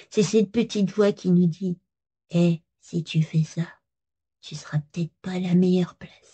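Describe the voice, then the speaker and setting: A woman's voice: medium pitch, mellow, slightly rough. A woman playing a giggly, childlike female clown who rambles playfully in a slightly dull recording.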